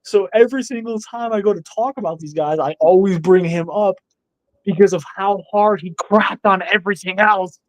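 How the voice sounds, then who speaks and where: Filling in as co-host of a live discussion, a man chats casually, giving blunt, opinionated takes and laughing often. His voice sits high at a moderate pace, and the recording is low quality with no echo.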